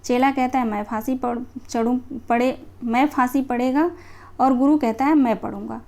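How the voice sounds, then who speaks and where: Lady reading out a bossy soldier guy telling someone to shut up, mellow voice. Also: high-pitched, steady tone, normal speed. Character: gruff male palace soldier.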